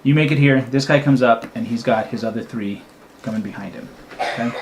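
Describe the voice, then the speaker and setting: A man's voice: mid-range voice, fairly quick, roomy sound, background noise. A man narrating as game master for a tabletop game, laughing between lines.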